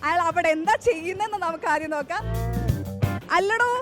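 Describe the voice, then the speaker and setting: A very high-pitched woman with a Kerala Malayali accent presents on location in a casual way. She talks fast and drops English slang into Malayalam, over clearly audible music. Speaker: vlog presenter.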